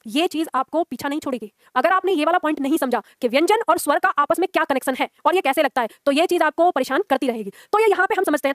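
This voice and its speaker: A woman gives a grammar lecture to her students, her voice fairly high and her delivery brisk. She explains point by point and keeps checking that the class is following. The sound is dry and close. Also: no room sound. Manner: explains step by step, asks students checking questions. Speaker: Hindi grammar teacher.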